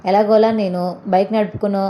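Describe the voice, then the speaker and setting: Woman doing a defiant young wife, holding her ground, fast talk. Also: medium pitch, little pitch movement, dark tone, natural voice.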